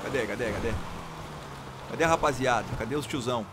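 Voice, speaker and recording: A young adult man with a Brazilian Portuguese accent, giving casual, jokey game commentary with sudden loud exclamations. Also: medium pitch, quick pace. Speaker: gameplay commentator. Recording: loud game car noise behind voice.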